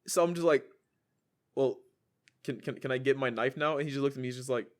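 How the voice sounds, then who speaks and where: A man's voice: mid-range voice, brisk. A man co-hosting a podcast, telling a story in casual chat, full of fillers and laughter. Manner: storytelling with frequent likes and laughter. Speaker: podcast co-host.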